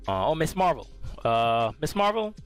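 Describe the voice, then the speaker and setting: A man's voice: fairly high pitch, very animated, normal speed, smooth, faint music behind. A young man hosting a podcast, chatting casually about shows in a rambling, easygoing way. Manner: rambling, easygoing, often restarts his sentences. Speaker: podcast host. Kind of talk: casual pop-culture review chat.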